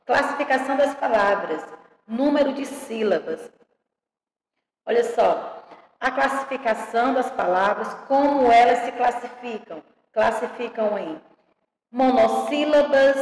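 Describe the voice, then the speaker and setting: A woman teaching young children an online grammar lesson, drawing out each word slowly and checking in with them affectionately. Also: a little high, a little mellow. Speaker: primary school teacher. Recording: echoey room with long reverb.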